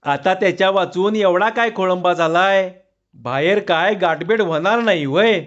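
A man's voice: high-pitched, measured pace, fairly bright tone, muffled recording. A man doing mocking village pilgrims. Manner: mocking rustic talk. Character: grumbling village pilgrims in a temple crowd.

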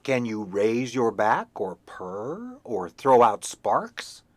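A man's voice: mid-range voice, sing-song, takes it slowly, dry recording. A man voicing a smug, self-important tomcat who talks down curtly. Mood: condescending. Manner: curt, condescending.

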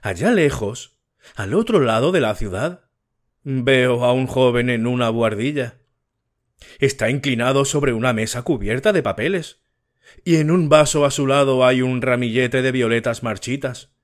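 A man's voice: mid-range voice, moderate pace, natural voice. A man as a sorrowful, generous prince statue. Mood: sorrowful gentle. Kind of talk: audiobook character reading.

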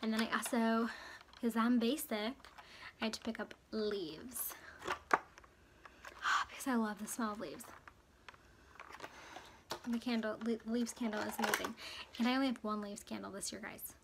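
A woman's voice: fairly high pitch, steady tone, moderate pace, long pauses, heavy background noise. A young woman chatting through a casual haul vlog, rambling with fillers and sounding slightly out of breath. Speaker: mom vlogger.

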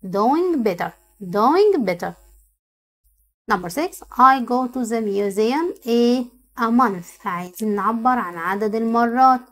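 A woman with an Egyptian Arabic accent talks through an English worksheet in a fairly high voice. She drags out each English sentence and repeats it. Then she rushes through explanations, asking questions and answering them herself. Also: fairly bright tone. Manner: reads English slowly, explains in quick asides; patient, repeats and asks rhetorical questions. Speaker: English teacher. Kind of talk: recorded worksheet walkthrough.

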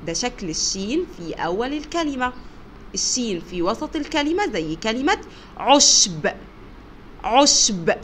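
Young Egyptian woman kindergarten teacher, high lively voice, slow drawn-out sounds, faint hiss behind. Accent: Egyptian Arabic. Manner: encouraging, stretches sounds slowly and loudly for children. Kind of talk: teaching letters to young children.

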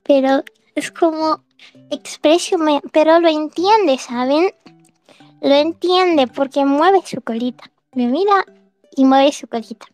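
A woman's voice: high-pitched, takes it slowly, a little mellow, no room sound, soft background music. A woman streamer chatting casually with her listeners, rambling and giggling often between phrases. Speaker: streamer hosting a live audio chat.

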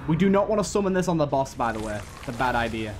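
Game music accompanies a male gaming channel host whose mid-range voice swings widely in pitch and moves fast. He comments casually on his gameplay, thinking through tactics as he goes.

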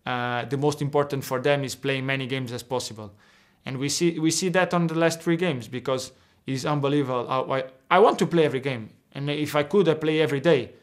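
A man's voice: mid-range voice, a little fast, hardly any pauses. Young man, Portuguese native speaker, footballer guest, earnest, restarts words, video call, indoor. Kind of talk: interview answers. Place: indoor locker room.

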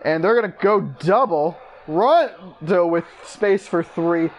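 High-voiced man calling basketball play-by-play. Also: dull audio. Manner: excitable, voice jumps up on big plays; brisk clipped call of each play. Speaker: YouTube gaming creator. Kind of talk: mock play-by-play basketball commentary.

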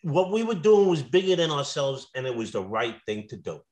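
A man's voice: mid-range voice, sing-song, brisk, a little mellow, low-quality recording. A middle-aged man, a former police officer, telling stories as a podcast guest in an earnest way, often restarting his words. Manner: earnest, repeats and restarts words when moved. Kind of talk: conversational storytelling.

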